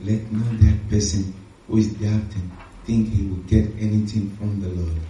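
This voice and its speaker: Preacher in an echoey hall. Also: male voice, fairly low pitch, flat delivery, dark tone, a little hiss or hum. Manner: emphatic, slow scripture reading. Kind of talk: sermon with live interpreter. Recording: echoey hall, distant mic.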